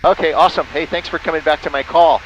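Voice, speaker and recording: Quick-paced and steady in tone, a man with a fairly high voice casually narrates his flight and makes amateur radio calls from a small airplane cockpit. He spells callsigns in the phonetic alphabet. The recording's highs are cut off, and a faint engine hums behind him.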